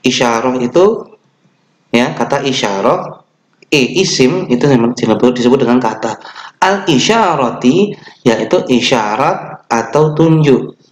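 A young man with an Indonesian accent teaching an online class to children. He talks slowly and patiently, with fillers and small self-corrections, and chants the opening prayer. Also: medium pitch, animated. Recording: echoey room.

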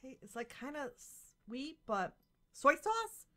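A woman's voice: high voice, big pitch swings, takes it slowly, bright, forceful tone. A middle-aged woman chatting casually as she tastes snacks, talking with her mouth partly full and searching for words. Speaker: host's mother, taste-testing guest. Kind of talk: casual chat while tasting snacks.

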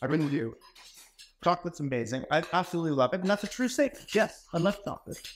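A man's voice: on the high side, lively intonation, quick pace, slight background noise. A man in his forties giving a motivational keynote in an ornate wood-paneled hall, telling stories in an emphatic, conversational way into a handheld microphone. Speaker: keynote speaker.

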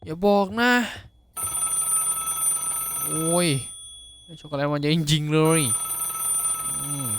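A man giving casual, profane commentary on a horror game, yelping when startled and dropping to a hush while sneaking. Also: fairly high pitch, slow, gravelly, pauses often, background noise. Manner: excitable, swears a lot, yelps when startled; drops to a hushed voice while sneaking. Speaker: gaming YouTuber.

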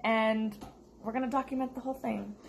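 An American woman co-hosts a vlog, chatting casually to the camera for viewers. Her voice is a little high, fairly quick and gravelly, and there's steady, noticeable background noise.

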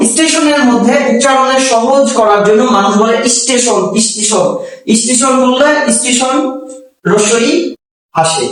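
A man with a Bangladeshi Bengali accent teaches a grammar lesson, going slowly and repeating every example so students can follow. His voice rings in a very echoey room. He sits some distance from the microphone. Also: very high-pitched. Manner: slow and explanatory, repeats each example. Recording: very echoey room, far from the mic.

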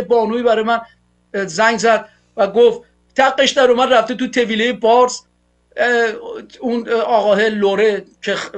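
A man's voice: extremely high pitch, fairly bright tone. A male television host giving fiery political commentary, ranting angrily and hurling insults at his opponents. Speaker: TV show host.

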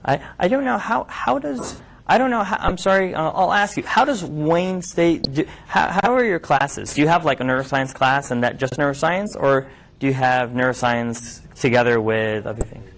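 Speaking at normal speed with few pauses, this man's slightly high voice belongs to a thirtysomething New York doctor. In an indoor classroom lab, he talks informally to medical students, fielding questions, with lots of ums and restarts.

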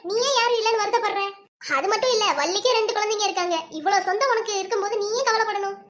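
A squeaky, very high-voiced village woman in a cartoon comedy, voiced by a woman. She talks in lively neighbourly banter and reassures her friends. She sounds caring and talkative. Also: rapid-fire. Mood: reassuring.

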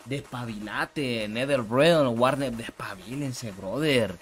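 A young man streams a fighting game and chats casually with viewers, greeting them, using slang, and repeating himself. His medium-pitched voice is a bit bright at normal speed, with faint music playing behind.

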